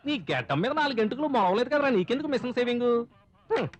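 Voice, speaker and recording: A man's voice: very high voice, heavily acted. An actor playing a chatty, fussy village barber who gossips with his customers. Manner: chatty, quick, lively.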